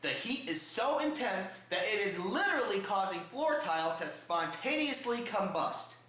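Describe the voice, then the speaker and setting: A showman host of a comedic news show gives theatrical, exaggerated commentary to camera. His high, bright, forceful voice swings widely in pitch at a normal speed. The roomy home recording is echo-heavy, with slight background noise.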